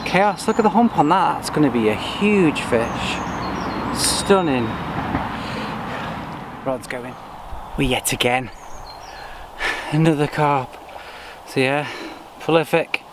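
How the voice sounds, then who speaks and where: A man's voice: on the high side, takes it slowly, pauses often. A man giving casual vlog commentary outdoors on his own fishing catches. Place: outdoors on a lakeside bank. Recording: noisy outdoor camera recording.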